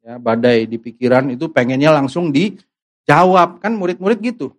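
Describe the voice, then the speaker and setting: Lively, conversational male preacher. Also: on the high side, normal speed. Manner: animated, acts out voices of worried believers; asks the audience questions directly. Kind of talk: casual conversational sermon.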